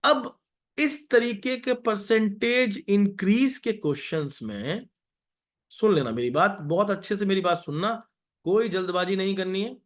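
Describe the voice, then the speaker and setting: A man's voice: high-pitched, unhurried. A man with an Indian accent teaching a live online math class, coaxing students and repeating his instructions.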